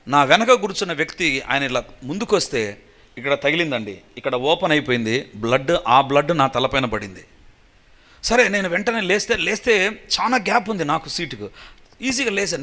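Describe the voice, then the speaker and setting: A male preacher recounts a personal story as sermon testimony, acting out the cries and voices of others as he goes. His voice sits a little high and sounds bright, and his pitch swings widely between hushed lows and excited peaks.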